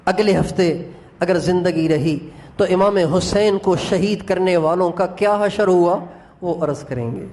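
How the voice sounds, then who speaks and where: A man with a high-pitched voice delivers an emotional sermon. He tells the story with feeling and addresses his listeners directly as brothers. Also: darkish tone. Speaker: preacher.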